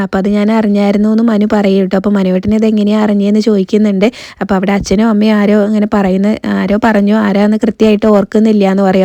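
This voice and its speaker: A woman's voice: mid-range voice, mellow, no room sound. A woman casually retelling a TV serial episode, quoting the characters' lines and dropping frequent filler tags. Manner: retells dialogue in quotes, frequent "kētto" tag fillers. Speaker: serial recap host.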